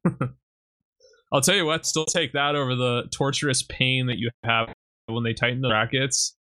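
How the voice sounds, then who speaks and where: A man co-hosting a podcast in casual chat, blunt and quick to swear while he rants. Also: medium pitch, steady tone, bright, forceful tone. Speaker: podcast co-host.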